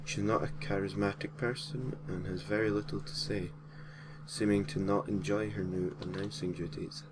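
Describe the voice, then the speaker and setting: Reading a scripted gaming tale, this host of a gaming creepypasta series narrates informally with casual, slightly hesitant asides. His fairly low voice holds a steady tone at a moderate pace, and there's background noise.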